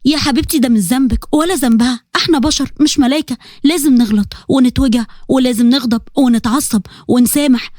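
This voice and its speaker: A woman's voice: high-pitched, quick pace, a little mellow, no room sound, clean studio sound, close to an everyday voice. A woman voicing a consoling middle-aged mother with an Egyptian accent. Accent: Egyptian Arabic. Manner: consoling, imploring.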